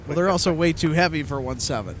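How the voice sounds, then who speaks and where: High-pitched man doing casual plane-spotting commentary. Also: fast talker. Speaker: livestream host and plane spotter. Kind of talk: casual live aviation commentary. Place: outdoors near an airport. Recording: outdoor airfield with faint vehicle noise.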